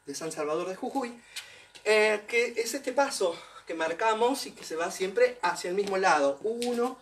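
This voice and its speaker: A man's voice: sits high, lively intonation, normal speed. A male folk dance teacher leading an online class. He demonstrates steps while counting beats aloud and vocalizing rhythms. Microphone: camera set back from the dancer. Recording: distant mic with faint background noise.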